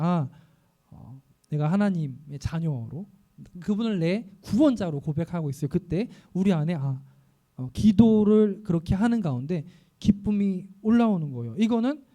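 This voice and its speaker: A male pastor preaching an earnest sermon, often voicing prayers aloud and pausing with fillers. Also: sits high, dark tone.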